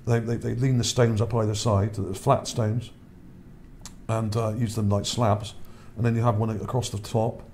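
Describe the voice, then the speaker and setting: At normal speed and in a level tone, a channel host reads his article while rambling over pictures. His low, warm voice is wearing out; he repeats words, checks in with "okay?", and there's a bit of hiss.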